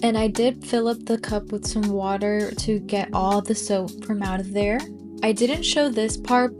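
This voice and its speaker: A woman of about twenty, talking informally and chattily to viewers in a casual tutorial vlog style. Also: mid-range voice. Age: 19, about to turn twenty. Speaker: nail tech video host. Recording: music behind the voice. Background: background music.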